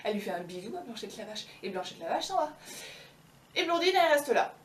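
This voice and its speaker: A woman's voice: a little high, sing-song, fast talker, distant mic, a little hiss or hum. Chatty woman retelling a tale, echoey room. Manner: chatty, slangy, ironic asides with frequent fillers. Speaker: storyteller. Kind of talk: casual retelling of a fairy tale.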